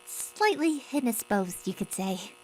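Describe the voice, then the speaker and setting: A woman's voice: on the high side, big pitch swings, measured pace, darkish tone, slight background noise, low-quality recording. A woman voicing a plucky, brash young college-age bootlegger in a cartoon fan dub, perky, cheeky and inquisitive. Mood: chatty. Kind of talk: animated fan dub acting.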